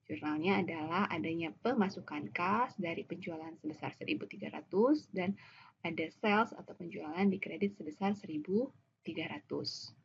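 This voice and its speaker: A woman with an Indonesian accent and a lowish voice teaches accounting step by step as a lecturer, working through examples and often asking questions she then answers herself. The recording is dull and lo-fi, with clear background noise.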